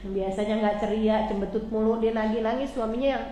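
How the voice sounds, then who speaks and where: A woman's voice: fairly even intonation, brisk. Emotional woman preacher, echoey room. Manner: emotional, drops soft and low when quoting. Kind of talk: storytelling religious talk. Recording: echoey room with faint ambience.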